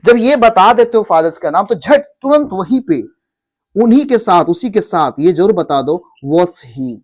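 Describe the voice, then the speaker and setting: A man's voice: high voice, expressive, a little slow. A man with an Indian accent teaching an English class, mixing Hindi with English and having students repeat after him. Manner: asks questions and has the class repeat; mixes Hindi with English phrases. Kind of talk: classroom lesson.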